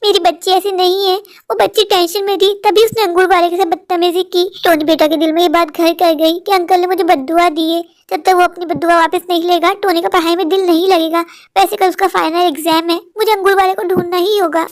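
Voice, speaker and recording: Gentle cartoon mother, as a woman puts her on. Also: very high-pitched, fairly quick, dry recording, studio quality. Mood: worried. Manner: soft calm explaining.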